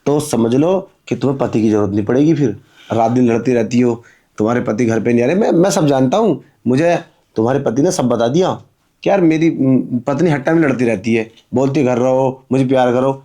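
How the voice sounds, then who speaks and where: A man's voice: medium pitch, a little fast, warm tone, close to an everyday voice. A man playing a pushy young milkman who wheedles and insists in a melodramatic drama. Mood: persuasive. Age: young adult.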